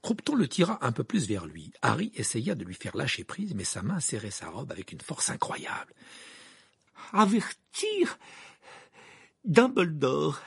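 This is a man narrating an audiobook with a very animated, swinging delivery. His voice is gravelly and deeply husky. The recording is close and completely dry. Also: brisk, few pauses, dry recording. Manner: expressive reading, wide pitch swings.

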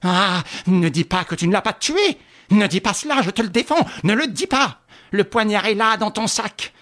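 A man's voice: animated, normal speed. A man voicing a furious woman who hurls a murder accusation at her friend in an audiobook. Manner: shrill, shouting accusations. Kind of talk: audiobook reading.

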